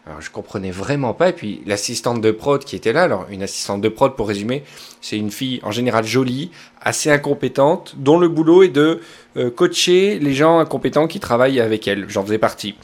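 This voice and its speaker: A man's voice: mid-range voice, animated, a little fast. A man in his thirties with a Southern French accent, hosting a podcast and telling rambling, digressive anecdotes in casual chat. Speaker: podcast host.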